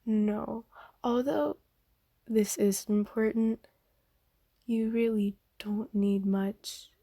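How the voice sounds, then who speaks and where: A woman plays a kind, doting aristocratic vampire mistress in an ASMR roleplay, heavily acted. She speaks softly, often half whispering, unhurried and low-key, with very little rise and fall and a steady tone. Her dark, velvety voice sounds calm, coaxing and gently formal, recorded close and dry with no echo.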